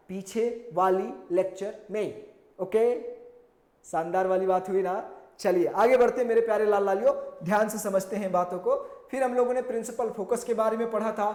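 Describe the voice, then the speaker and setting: A male physics teacher giving a classroom lecture, asking and answering his own questions and repeating key terms, mixing slowly spoken English technical phrases into his speech and addressing students with affectionate encouragement. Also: very high-pitched, darkish tone. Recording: echoey room.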